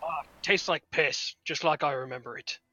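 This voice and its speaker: A man's voice: a little high, normal speed, bright, forceful tone, lo-fi sound, heavily acted. A man doing a hungover grumpy brewer. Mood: gruff. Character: hungover grumpy male brewer tasting his ale.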